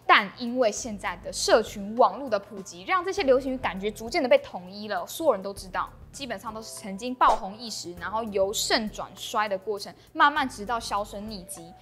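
A woman's voice: mid-range voice, animated, brisk, few pauses, fairly bright tone. A young woman with a Taiwanese accent presenting a scripted explainer to camera on a lapel mic in a small indoor room. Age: young adult. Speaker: host of an explainer channel. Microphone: clip-on lapel mic. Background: background music.

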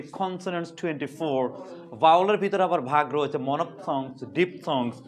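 Guy teaching an english class, high voice that swings all over, jokey, repeats sounds over and over. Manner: animated, teasing, drills sounds by repeating them. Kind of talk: live pronunciation class.

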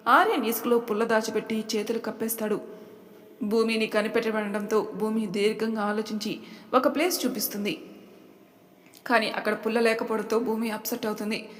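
A woman's voice: on the high side, flat delivery, a little fast, big-room sound. A woman narrating an audiobook story in a chatty way, talking to her listeners.

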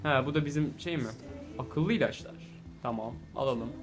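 A man giving casual let's play commentary, chatty, talking to the game and breaking into excited exclamations. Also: mid-range voice, moderate pace. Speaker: gaming YouTuber. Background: soft game music.

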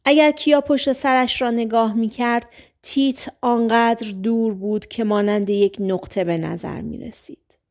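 A woman narrating a novel in a calm, measured reading voice. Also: fairly high pitch. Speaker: audiobook narrator. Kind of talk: scripted narration.

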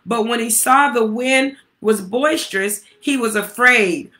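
Woman preacher, bright higher voice, call-and-response sermon delivery with repeated lines. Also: measured pace. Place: livestream to online viewers.

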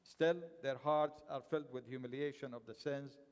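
A man's voice: mid-range voice, steady tone, moderate pace, clear, resonant tone. Man reading a sermon in a reverberant mosque. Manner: reads aloud from paper, with restarts and self-corrections. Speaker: sermon translator. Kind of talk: reading a translated Friday sermon. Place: large mosque prayer hall, indoors. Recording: long hall reverb in a mosque.

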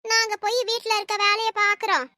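Gossipy neighbor aunt voiced by a woman, brisk, very high voice, dry sound. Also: level tone, pushed and bright, dry recording. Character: older village woman, busy gossiping neighbor.

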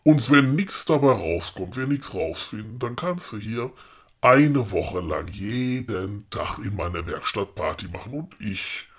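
A man's voice: lowish voice, expressive, measured pace, husky. A man with a Ruhr German accent playing a grumpy but helpful middle-aged woodcarver in a comedic audio play, chummy and matter-of-fact. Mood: scheming.

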